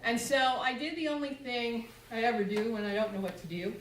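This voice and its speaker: A woman's voice: a little high, steady tone, a little fast, a little hiss or hum. A woman in her sixties gives a humorous personal testimony to a church audience, acting out her own past words. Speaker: church speaker. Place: church sanctuary. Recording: echoey church hall from far off.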